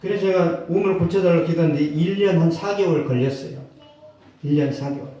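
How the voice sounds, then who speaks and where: A male pastor preaching a sermon, telling a personal story with acted quotes and bursts of loud emphasis. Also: a little high, fast, distant mic. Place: church sanctuary. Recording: echoey church hall, mic from afar.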